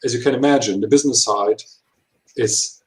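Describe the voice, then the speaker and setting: A man of 39 who is not a native English speaker gives interview answers in halting, imperfect English full of hesitations. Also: medium pitch, a little mellow, rough recording. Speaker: HR professional being interviewed.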